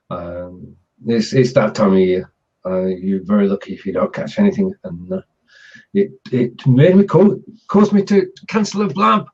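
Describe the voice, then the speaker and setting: A man hosting a casual online chat show, explaining things in a halting, measured way. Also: fairly low pitch, a little mellow, husky. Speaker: host. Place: group video call. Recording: dull, lo-fi video call audio.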